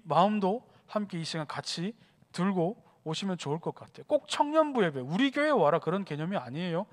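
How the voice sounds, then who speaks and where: A youth pastor giving a sermon in a church sanctuary, lively and conversational, acting out scenes as he talks. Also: high-pitched. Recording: long church hall reverb.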